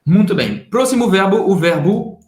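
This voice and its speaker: A woman's voice: medium pitch, expressive, moderate pace, a little mellow, reverberant. A woman with a Pernambuco accent from Brazil, co-teaching French in Portuguese, encouraging and repeating examples. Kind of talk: bilingual French lesson.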